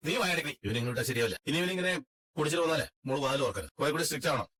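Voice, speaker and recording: A man's voice: on the high side, animated, racing, fairly bright tone. A man dubbing a stern father in a drama who lectures his son over and over. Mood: scolding. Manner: lecturing, scolding. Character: stern older father, scolding. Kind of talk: dubbed drama dialogue.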